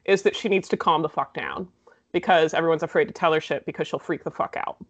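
A woman's voice: low voice, fast, slightly rough, highs cut off. A woman recapping a movie in casual chat, sarcastic and full of "like" fillers. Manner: chatty, sarcastic, many "like" fillers. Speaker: podcast host recapping a movie.

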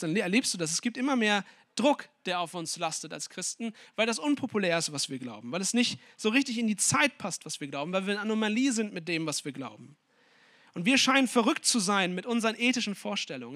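High-voiced emphatic male preacher. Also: no room sound, clean studio sound. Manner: addresses listeners directly with questions; emphatic with strong swings in loudness. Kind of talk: sermon.

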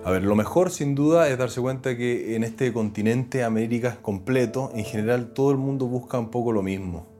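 A man with a Chilean accent, an actor and presenter, telling his story as an interview guest in an earnest, animated way. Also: mid-range voice, moderate pace, few pauses, soft background music. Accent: Chilean Spanish. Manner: earnest, animated, voices other people when retelling. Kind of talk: reflective conversational storytelling.

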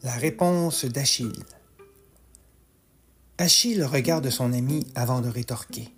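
Guy reading a rhyming epic, unhurried and steady, soft music behind him. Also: mid-range voice. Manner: slow, measured, rhythmic delivery. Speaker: narrator. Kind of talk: rhymed storytelling narration.

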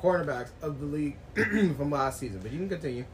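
A man co-hosting a casual sports podcast, teasing and laughing, with loud bursts of excitement. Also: on the high side, fast talker, a little hiss or hum. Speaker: podcast co-host.

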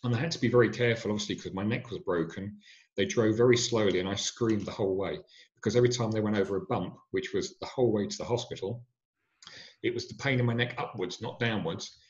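A middle-aged man tells his own story in a lowish voice, earnest and halting, with plenty of fillers and restarts. The recording is dull and lo-fi. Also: echoey room. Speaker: injury survivor telling his story. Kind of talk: personal storytelling. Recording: dull lo-fi sound.

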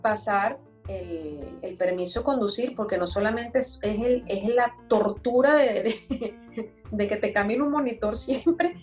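A woman, a podcast guest, telling stories in an animated way and repeating words for emphasis. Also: mid-range voice, a little slow, faint music behind. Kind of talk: casual storytelling chat.

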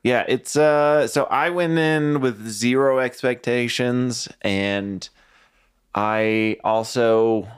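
A man's voice: mid-range voice, takes it slowly, smooth, dry recording, studio quality. A young man co-hosting a podcast in casual chat, laid-back and easygoing. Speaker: podcast co-host.

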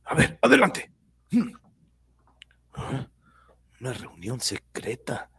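Man playing a husky, solemn radio-drama hero. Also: medium pitch, huge pitch swings, takes it slowly, bright, forceful tone, no room sound, heavily acted. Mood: hushed, grave. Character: solemn, brave male hero of a mystery radio serial.

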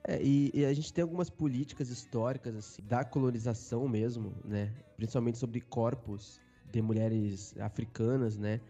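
A man's voice: mid-range voice, fairly even intonation, normal speed, hardly any pauses, warm tone, soft background music. A man co-hosting a podcast, talking things through in a reflective way with restarts and fillers. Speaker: podcast co-host. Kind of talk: casual discussion.

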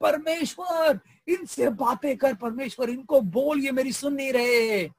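A man's voice: measured pace, slightly rough, full character voice. A man voicing a stubborn elderly woman in a church who keeps insisting she has heard from God. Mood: insistent. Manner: insistent, shrill pleading calls.

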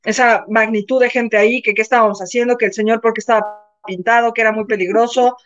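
A Mexican woman tells a story on a casual live show, bringing the people in it to life as she talks. Her voice sits high, and the recording sounds dull and lo-fi. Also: quick pace. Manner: animated, acts out voices in her anecdotes. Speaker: co-host. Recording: muffled lo-fi sound.

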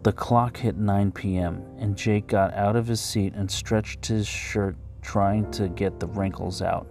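A man narrating a story in a steady, even reading voice, over faint background music. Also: on the low side, a little slow, gravelly.

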